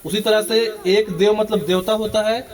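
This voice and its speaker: A male schoolteacher with a high voice that barely moves in pitch speaks at normal speed. He leads a morning assembly lesson, quizzing students who answer in chorus, with the children's crowd audible behind him.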